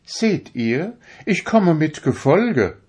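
A man's voice: sing-song, slow pace, a little mellow, slightly rough, full character voice. Man doing a vain, haughty darning needle. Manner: high, fussy, self-important.

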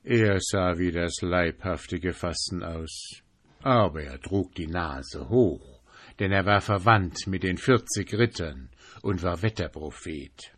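A man reading a fairy tale aloud in a calm, measured way. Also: low-pitched. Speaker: narrator. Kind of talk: storybook reading.

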